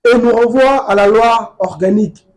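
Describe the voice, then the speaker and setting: A man's voice: high voice, moderate pace, darkish tone. A man from Congo, a legal researcher, lecturing in a studio political debate and insisting on finishing his point. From Democratic Republic of the Congo.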